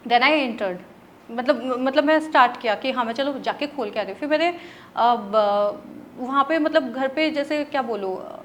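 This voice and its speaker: A woman's voice: high voice, normal speed, a little hiss or hum. A woman from Odisha, a tarot reader and interview guest, tells a story in a chatty way, mixing in English words and checking in with her listener. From Odisha, India.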